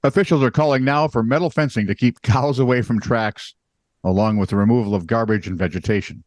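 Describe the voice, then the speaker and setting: A man co-hosting a comedic news podcast, reading headlines with teasing, deadpan quips. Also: medium pitch, brisk, dry recording. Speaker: co-host.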